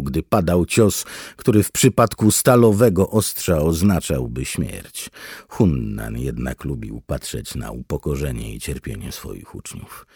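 Male narrator, husky voice, dark tone, expressive storytelling. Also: fairly low pitch, no room sound, studio quality. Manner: expressive storytelling with wide swings. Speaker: audiobook narrator. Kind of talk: scripted narration.

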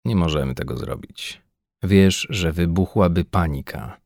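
A man voicing a calm, scheming male official in a science-fiction audiobook, speaking in a quiet, soothing, restrained way. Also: sits low, measured pace, creaky, no echo, studio quality. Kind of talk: audiobook character voice.

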